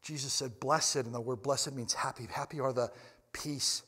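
A man preaching a sermon in a church, moving between quiet, close talk and loud, emphatic bursts, with frequent restarts and repeated words. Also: mid-range voice, steady tone, a little fast, breathy edge. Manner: swings from loud emphatic shouts to quiet near-whispers. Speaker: pastor. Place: church sanctuary.

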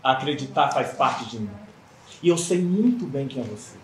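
A man's voice: mid-range voice, lively intonation, moderate pace, close to an everyday voice. A young man with a Brazilian accent playing an earnest, defiant street performer in a stage drama. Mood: earnest, challenging. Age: young adult. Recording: very echoey theatre, far mic, noise.

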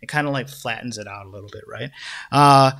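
Young male host, bright tone, loose rambling delivery full of fillers, casual market talk. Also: medium pitch, a little fast, vocal fry. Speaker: stock market video host. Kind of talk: casual stock analysis talk.

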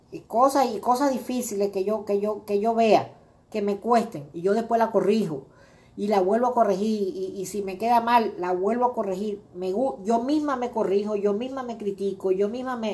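A woman's voice: medium pitch, a little mellow. A middle-aged woman hosting a crafting video, chatting casually and rambling with many fillers as she greets viewers by name. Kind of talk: casual crafting livestream chat.

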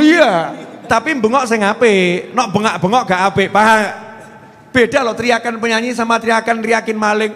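A man with a Javanese accent preaching a lively sermon, joking and teasing his audience. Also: extremely high pitch. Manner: jokey, teasing the audience, mixing in Javanese phrases. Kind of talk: lively sermon with sung salawat. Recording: long hall reverb, faint ambience.

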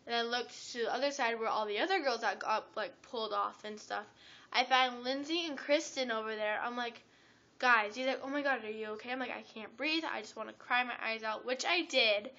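A teenage girl vlogging, rambling and breathless with lots of restarts, her voice hoarse and cutting in and out. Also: on the high side, bright, forceful tone. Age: teens. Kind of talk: excited storytelling vlog. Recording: dull lo-fi camera audio.

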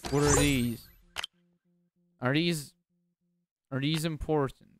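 This Bulgarian streamer is a young man giving laid-back gameplay commentary in a fairly high, steady voice, speaking slowly over music. Words get repeated, and he keeps asking himself confused questions.

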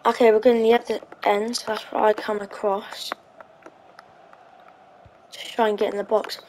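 A woman's voice: medium pitch, flat delivery, moderate pace, darkish tone, slight background noise, low-quality recording. A woman giving casual, hesitant commentary on her own gameplay, thinking aloud with lots of ums. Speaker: gaming channel host.

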